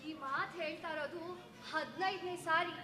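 A woman's voice: very high-pitched, moderate pace, loud music behind the voice. A woman playing a dead wife's bitter spirit. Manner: bitter, cutting, reproachful. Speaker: stage actor. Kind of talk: Kannada stage drama. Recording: echoey stage sound.

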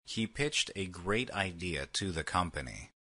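Deep husky guy reading vocab sentences slow, bright edge to it, voice swings up and down a lot. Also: expressive. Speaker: vocabulary lesson reader. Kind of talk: slow read example sentences.

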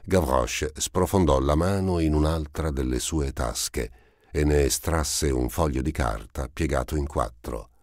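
A man narrating a classic novel for an audiobook in a steady, measured reading. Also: a bass voice, no room sound, studio quality.

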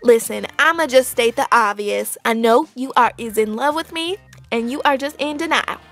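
A woman's voice: on the high side, normal speed, a bit bright, soft background music. A woman voicing a vain, pushy, vengeful young fashion doll in a melodramatic, self-assured way for an amateur doll skit. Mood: smug.

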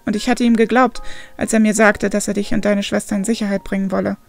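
A woman voicing a protective young man confessing quietly and heavily to his sister. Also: medium pitch, little pitch movement, fast, gravelly, soft background music, natural voice. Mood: guilty confession. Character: guilt-ridden protective older brother, young man.

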